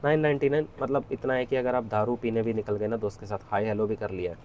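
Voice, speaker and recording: A man's voice: lowish voice, steady tone, fast, darkish tone, a little hiss or hum. Casual man teaching stock research. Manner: conversational, repeats "ठीक है" often. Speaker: equity research educator. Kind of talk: casual screen-share tutorial.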